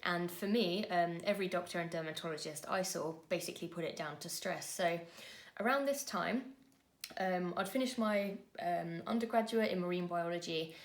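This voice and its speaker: This woman in her twenties, a vlogger, shares something personal on camera in a sincere, chatty manner. She pauses often, uses plenty of fillers, and speaks at a fairly low pitch.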